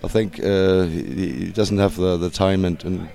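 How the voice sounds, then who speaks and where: Speaking slightly slowly in a low voice with vocal fry, a German-accented punk singer gives hesitant interview answers. His intonation is fairly even, and he restarts often and laughs softly.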